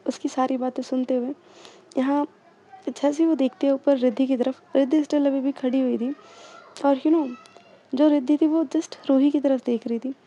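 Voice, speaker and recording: A woman with a high but mellow voice narrates a love story in a loose, chatty way, pausing often on fillers. The recording is dull and a little muffled.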